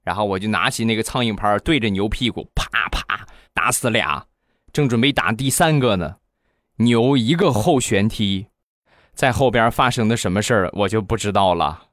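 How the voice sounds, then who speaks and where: Recorded in a clean studio with no room sound, a young comedy podcast host shares funny stories at a moderate pace. He has a lowish voice and livens things up by acting out the voices of the people he quotes.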